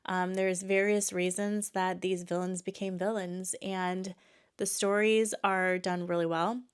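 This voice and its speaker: A Texas woman in her thirties hosts a podcast in a chatty, casual style, congested from allergies and full of fillers and restarts. Her mid-range voice is clear and resonant, delivered flatly and a little slowly.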